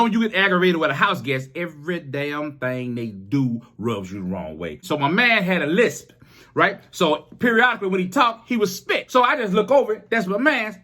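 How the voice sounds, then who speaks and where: A middle-aged man telling a story in a casual, animated way, with plenty of swearing and acted-out dialogue. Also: high voice. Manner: animated, profane, acts out dialogue.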